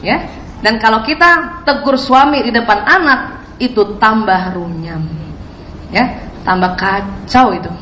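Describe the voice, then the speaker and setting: Female preacher with a high voice giving a sermon, quizzing her audience, recorded in a reverberant room. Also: a little slow, long pauses, bright, forceful tone, lo-fi sound, a little hiss or hum. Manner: questions the audience. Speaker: Islamic preacher. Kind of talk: sermon to women.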